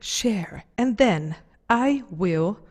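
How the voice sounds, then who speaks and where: A woman vocal coach guides a group through a warm-up on a video call, her instructions calm, gentle and unhurried. She speaks into a studio microphone and turns chatty and self-deprecating when the tech comes up. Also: medium pitch. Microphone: studio microphone through an audio interface on a video call.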